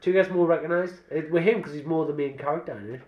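A man's voice: a little high, quick pace, muffled recording. Matey, sweary man chatting. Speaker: podcast host. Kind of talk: casual chat about films.

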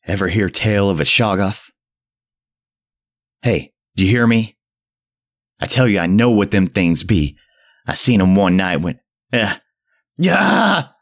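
A man voicing a terrified old drunk who rants in a shrill, cracking old voice and a rustic dialect. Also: steady tone, normal speed, long pauses. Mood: frenzied. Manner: rustic old New England dialect, ranting. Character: terrified old male drunk, rambling and frantic.

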